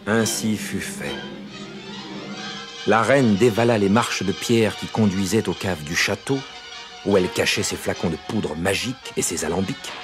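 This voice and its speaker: A man narrating a fairy tale in a measured, expressive storytelling manner, with soft music behind. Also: deep voice.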